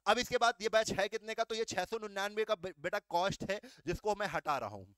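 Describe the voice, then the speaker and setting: In this dry recording, a man with a high-pitched, clear, resonant voice and a fairly bright tone speaks briskly. He is a coaching teacher giving exam aspirants guidance, breaking things down step by step. He asks questions only to answer them himself and addresses students as "beta."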